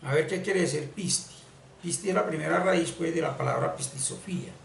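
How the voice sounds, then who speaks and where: A man teaching spiritual ideas in an explanatory lesson, talking slowly and deliberately and repeating words for emphasis. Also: on the high side, gravelly. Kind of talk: explanatory screen-share lesson. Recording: echoey room, distant mic, faint hiss.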